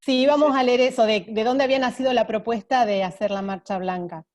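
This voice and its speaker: A woman's voice: fairly high pitch, a little fast, darkish tone. A woman who moderates an online meeting and hands turns to speakers in short, friendly remarks.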